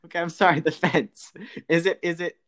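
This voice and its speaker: A man co-hosting a casual podcast, talking in a halting way full of fillers and restarts. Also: on the high side, steady tone, a bit bright. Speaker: podcast co-host.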